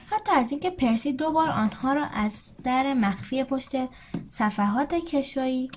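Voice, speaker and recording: A woman reading a storybook aloud, steadily narrating and lifting her voice for quoted lines. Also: a little high. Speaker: audiobook narrator.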